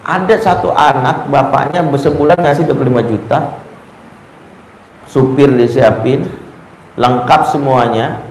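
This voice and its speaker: A man's voice: mid-range voice, measured pace, long pauses. A male Islamic preacher gives a parenting talk, telling stories and acting out the dialogue in them. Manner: lively storytelling, acts out dialogue in quoted voices. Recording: echoey room with faint ambient noise.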